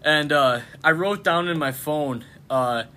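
Bright-voiced man with a lisp. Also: on the high side, a little slow. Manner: laughs often, joking. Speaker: podcast host. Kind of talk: casual podcast chat.

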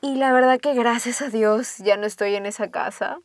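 A young woman, casually telling a ghost story and dropping to hushed tones for suspense. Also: a little high, normal speed, no echo, clean studio sound.

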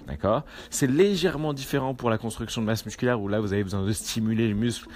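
A man's voice: lowish voice, quick pace, darkish tone, slight background noise. A man, talking casually as a fitness coach and often checking in with his listeners. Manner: casual and coaching, keeps checking in with the viewers with a tag question. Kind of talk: casual talk to camera.

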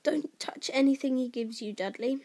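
A woman's voice: high-pitched, normal speed, darkish tone. A woman voicing a bossy, blustering middle-aged uncle who gives emphatic, panicky commands in a storybook reading. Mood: sharp.

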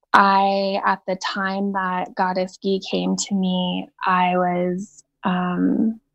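A woman who is a podcast guest speaks hesitantly, with halting starts, over dull, lo-fi remote audio. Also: mid-range voice, gravelly, dry recording. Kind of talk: casual interview chat.

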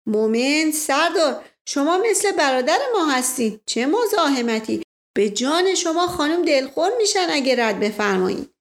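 A woman's voice: high voice, expressive, voice pushed up. Brief: woman playing a scheming charmer of a nobleman, persuasive and playful, storybook. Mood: coaxing.

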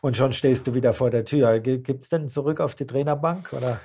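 Podcast host with a husky voice, chatty and familiar. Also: male voice, mid-range voice, a little fast, mellow. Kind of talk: casual podcast interview.

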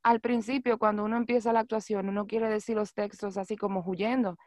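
A woman's voice: mid-range voice, fairly even intonation, fairly quick, darkish tone, no room sound. A woman with a Dominican Spanish accent, a guest on a casual podcast, talking in a loose, chatty way full of fillers. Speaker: podcast guest, news anchor and actress.

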